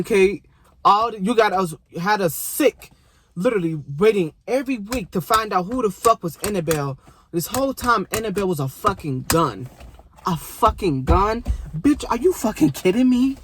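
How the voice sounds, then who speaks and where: A young man in a casual, profane reaction rant about a TV show, animated and talking straight to its characters. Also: high voice.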